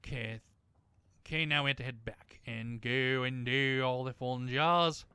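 A man rambles through relaxed let's-play commentary, joking and swearing as he goes. His voice is bright and crisp, recorded close and dry with no room sound. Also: medium pitch, a little slow, no echo. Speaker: gaming video host.

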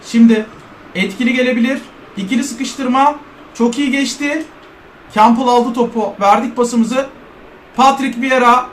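A man commentating his own football video game match in Turkish-accented speech, calling passes play by play and shouting at scoring chances. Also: very high voice, steady tone, a little slow, echoey room, slight background noise. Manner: play-by-play calls, shouting at chances, urging "bas bas". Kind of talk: excited self-commentary while playing.

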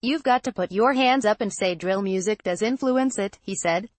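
A woman reading a news article aloud as scripted narration, in an even, flat delivery. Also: medium pitch, moderate pace, dry recording. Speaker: news reader.

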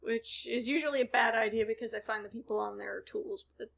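A woman with a high, light voice chats casually as a podcast co-host. She rambles through a story, often laughing and restarting her sentences. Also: fairly even intonation, quick pace, vocal fry. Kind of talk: casual chat.

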